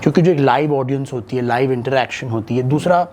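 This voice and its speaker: A man's voice: medium pitch, fast, a little mellow, a little hiss or hum. A young man, an actor, talking earnestly about his work in a casual interview, often switching into English. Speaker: actor and playwright, guest.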